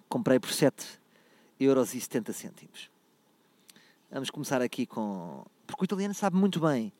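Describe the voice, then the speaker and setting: A man's voice: medium pitch, darkish tone, dry recording. A man from Portugal with a European Portuguese accent, hosting a comic podcast and playfully reading phrases in a mock-Italian voice. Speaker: podcast host. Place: out and about, travelling.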